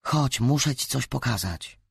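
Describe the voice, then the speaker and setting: A man's voice: mid-range voice, expressive, unhurried, creaky, slightly rough, dry recording, studio quality, heavily acted. A man voicing a serious, urgent teenage girl in a storybook reading. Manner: insistent, urgent.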